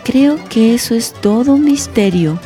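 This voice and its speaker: A woman's voice: fairly high pitch, lively intonation, measured pace, mellow, faint music behind, pitched above the performer's own voice. A woman voicing a small puzzled bird in a storybook reading, chirpy and bemused.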